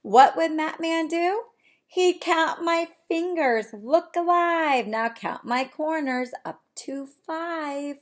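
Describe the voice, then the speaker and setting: Leading a simple lesson that pairs a read-aloud with a shape activity, a preschool teacher walks young children through it step by step, asking them encouraging questions. Her voice sits high, and she speaks slowly.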